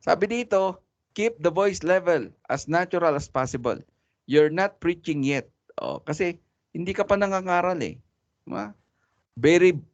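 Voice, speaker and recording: A man's voice: a little high, no room sound. A man teaching a preaching class in a casual, chatty way, mixing Tagalog and English and laughing often. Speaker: homiletics teacher. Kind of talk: casual Taglish lecture on preaching. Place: church classroom. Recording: dry, dull lo-fi recording.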